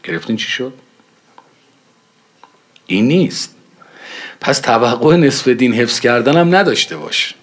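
A man's voice: medium pitch, sing-song, pauses often, a bit bright. Conversational male preacher telling stories. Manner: conversational, acts out dialogue in anecdotes. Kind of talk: storytelling religious talk.

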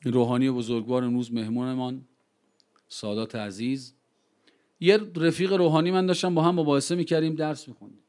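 A man giving an impassioned speech to a gathering. He fires rhetorical questions at the listeners, slows right down to stress key phrases, and tells anecdotes with quoted dialogue. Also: medium pitch. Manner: lively storytelling with quoted dialogue. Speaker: public speaker addressing a gathering.

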